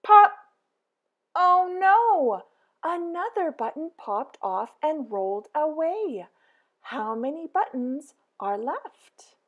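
In a muffled recording, a woman with a high voice reads a children's picture book aloud, very slowly and sing-song. Her pitch jumps around and she stretches out big, excited exclamations.

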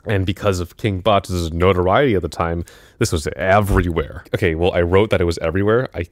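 Deep-voiced man narrating a video essay. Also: steady tone, fairly quick, no echo, clean studio sound. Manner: casual and conversational, with asides and self-corrections.

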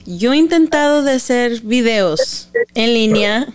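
A woman hosting a podcast, asking unhurried, friendly questions in casual conversation. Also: a little high, lively intonation, a crowd in the background. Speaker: podcast host. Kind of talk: conversational interview.

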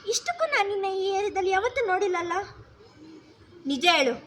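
A young woman plays a stern, commanding inspector's daughter in an amateur street drama. She snaps orders in a very high, sharp voice. Traffic and street noise sit clearly behind her. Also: big pitch swings, brisk, exaggerated voice. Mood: demanding. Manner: bossy, demanding, snapping orders. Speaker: amateur actor.

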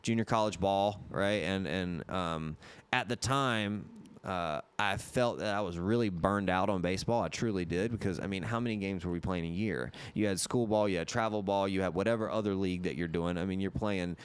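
A man, a podcast guest telling a long story casually, restarting often and repeating words, on a boom mic in a podcast studio. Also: normal speed, clean tone. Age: 30s.

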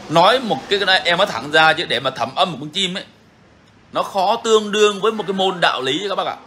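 A man's voice: sits high, expressive, fast talker, pushed and bright, a little hiss or hum. A man hosting a bird-keeping channel, talking casually and frankly to viewers, repeating himself often. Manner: frank, repetitive, chatty.

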